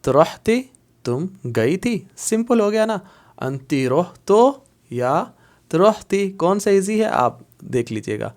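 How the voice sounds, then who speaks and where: A man teaching Arabic phrases in a video lesson, patiently repeating each word slowly for learners. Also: high voice, very animated, a little mellow.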